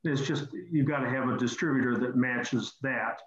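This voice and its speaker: A man's voice: medium pitch, steady tone, moderate pace, a bit bright. A man hosting a technical call-in chat, explaining repairs and often repeating words while he thinks. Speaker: host. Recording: roomy video call audio, slightly dull.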